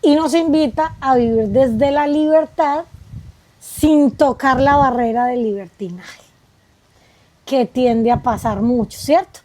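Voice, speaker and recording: Her voice is high and mellow. A woman from Colombia, appearing as a guest in a reflective conversation, muses in a spiritual tone, dropping quick asides and finishing points with rhetorical questions.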